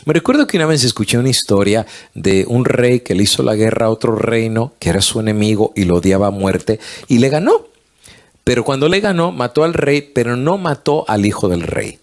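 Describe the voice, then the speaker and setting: A male preacher delivering a sermon, telling a story and reading scripture slowly and emphatically. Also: medium pitch, animated.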